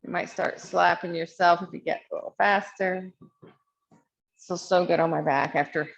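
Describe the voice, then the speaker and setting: A woman leading a yoga class, calmly and encouragingly cueing each pose and stretch. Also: on the low side, normal speed, creaky, highs cut off. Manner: calm, encouraging cueing of poses. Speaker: yoga instructor. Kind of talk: guided yoga class instruction.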